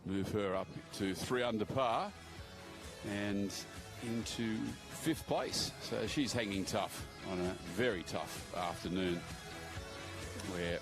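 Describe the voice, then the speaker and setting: A man giving live golf commentary as a sports broadcaster. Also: deep voice.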